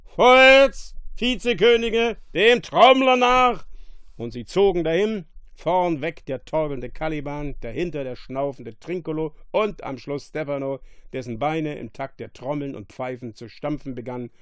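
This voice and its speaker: Man calmly reading a fairy tale. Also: mid-range voice, no room sound, clean studio sound. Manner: calm, measured narration. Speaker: reader. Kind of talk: storybook reading.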